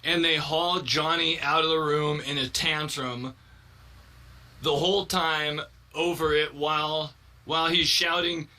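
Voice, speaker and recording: A man's voice: fairly high pitch, fairly even intonation, unhurried, sharp tone. A man recounting a funny story to his viewers, laughing and giggling throughout. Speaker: video creator. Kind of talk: comic storytelling.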